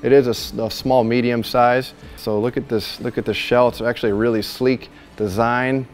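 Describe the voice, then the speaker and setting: Inside a large warehouse, a thirtysomething man delivers a jokey, chatty product walkthrough on a lapel mic for a store, chuckling at his own mistakes. He speaks at normal speed with a medium pitch and flat delivery, and faint music can be heard behind him.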